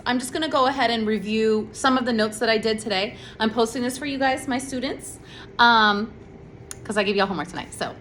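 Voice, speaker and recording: A woman's voice: medium pitch, a bit bright, a little hiss or hum. A woman teaching math to her students in a chatty, casual tutorial. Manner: chatty, talks directly to students. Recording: echoey room with faint ambience.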